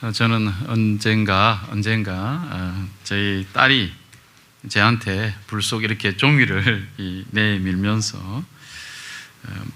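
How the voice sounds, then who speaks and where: Man, pastor, sermon in a church, lowish voice, bright forceful tone, unhurried anecdotes with hesitant fillers. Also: fairly even intonation. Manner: conversational storytelling with many pauses and fillers. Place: church sanctuary.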